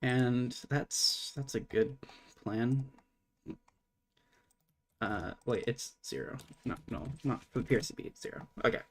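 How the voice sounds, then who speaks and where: A man's voice: medium pitch, measured pace, long pauses. A man streaming live while programming, thinking aloud in a casual, muttering way and swearing now and then.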